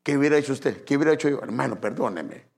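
A man's voice: a little high, flat delivery, very fast, darkish tone. A man preaching an evangelical sermon, emphatic and constantly addressing his listeners as brother.

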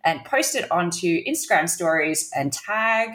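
A woman's voice: fairly low pitch, unhurried. Giggly woman podcast host. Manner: playful, giggly, animated. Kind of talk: casual chat.

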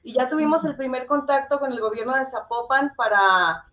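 A woman's voice: high voice, fairly quick, fairly bright tone, highs cut off. A woman speaking as an interview guest, explaining things conversationally and addressing the host directly.

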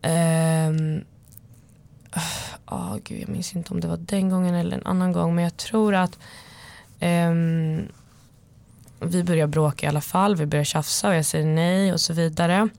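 A woman's voice: lowish voice, steady tone, vocal fry, long pauses, darkish tone. A young woman telling a personal story in casual chat, rambling with many fillers. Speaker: guest.

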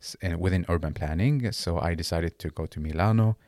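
Originally from Iraq and not an English speaker, this late-twenties man is a guest in a casual interview. He searches for words, speaking haltingly and restarting phrases, in a very deep, darkish voice, and the close, dry recording carries no room sound.

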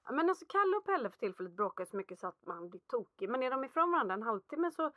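A mother chatting casually, telling animated stories from home and acting out quotes. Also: a little high, no room sound, studio quality. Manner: animated storytelling, acts out quotes. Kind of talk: casual chat.

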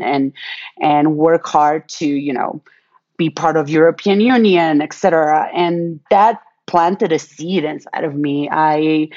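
A woman's voice: deep voice, a little mellow, no echo, dull audio. A woman, a startup founder answering podcast questions earnestly, with many restarts. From Romania. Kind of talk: casual interview answers.

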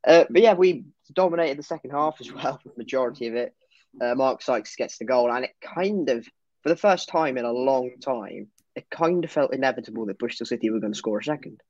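A man co-hosts a football podcast and talks through a match review in relaxed chat. He hesitates a lot and restarts his sentences. The sound is dull and very dry, as if captured close in a small, deadened room. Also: mid-range voice, brisk, no room sound. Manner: hesitant, lots of fillers and restarts.

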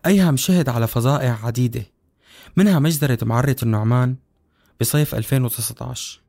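A man's voice: mid-range voice, fast talker, gravelly, dark tone, soft background music. A man with a Levantine Arabic accent reading scripted documentary narration as the narrator.

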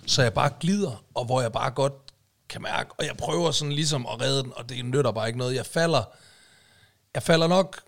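A man's voice: mid-range voice, vocal fry. A man co-hosting a casual podcast chat, telling long stories full of fillers. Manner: rambling storyteller, many fillers and "du ved, ikke?". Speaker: podcast co-host.

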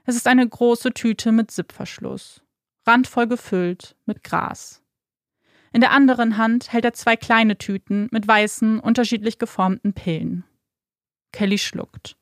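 A woman narrates a true-crime story in a measured, dramatic way. Her voice has a gravelly fry, recorded close and dry with no room around it. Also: on the high side, steady tone, no echo. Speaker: podcast narrator.

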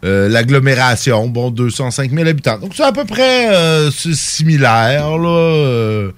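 A man's voice: mid-range voice, sing-song, unhurried, no echo. A man with a Québécois accent hosting a radio show, reading local news in a casual, hesitant way with many fillers. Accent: Québécois French. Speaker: radio host.

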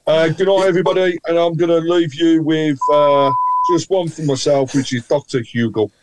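A man's voice: fairly high pitch, fairly even intonation, normal speed. Panelist man on a noisy line. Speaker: podcast panelist. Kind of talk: casual chat.

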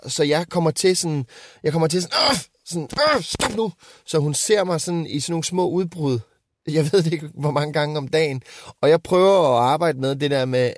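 A man's voice: a little high, darkish tone, no echo, studio quality. A man and father in casual chat, telling rambling anecdotes and swearing freely. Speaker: podcast co-host and father.

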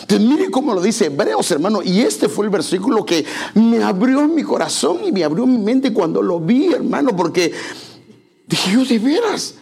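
A man's voice: sits high, breathy edge. A male pastor preaching a conversational sermon in church, speaking directly to the congregation.

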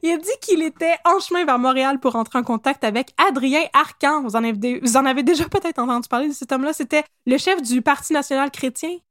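A woman's voice: high voice, fast talker, hardly any pauses, a bit bright, no room sound, studio quality. A woman with a Québécois accent telling a history story on a podcast in a playful, casual way, laughing and correcting herself as she goes. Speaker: podcast co-host.

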